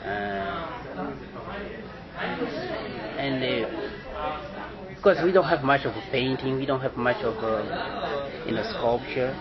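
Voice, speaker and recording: An interviewee from Angola, whose first language is Portuguese, gives casual answers over a loud crowd. He has a mid-range voice with lively intonation but speaks haltingly, with many restarts and fillers. The recording sounds dull and lo-fi.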